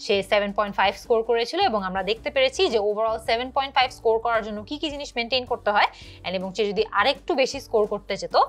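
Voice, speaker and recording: A woman's voice: fairly high pitch, a bit bright. A young woman from Bangladesh teaching an exam prep lesson, explaining step by step and mixing English terms into her Bengali.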